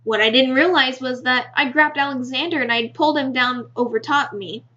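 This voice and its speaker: A woman reading a visual novel aloud with expressive asides, laughing easily and tripping over words. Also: high-pitched, moderate pace, lo-fi sound. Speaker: gamer narrating a visual novel.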